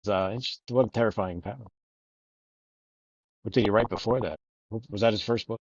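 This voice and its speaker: A man's voice: on the low side, a little fast, a little mellow, breathy edge, no room sound. A man co-hosting a podcast, talking loosely about a book, rambling, joking and swearing a lot. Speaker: podcast co-host. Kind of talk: casual book discussion. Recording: dull lo-fi recording.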